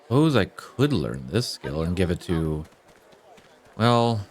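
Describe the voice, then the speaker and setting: A man's voice: sits low, sing-song, takes it slowly. A man giving casual gameplay commentary, muttering and thinking aloud as he plays. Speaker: video game player. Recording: faint game music behind.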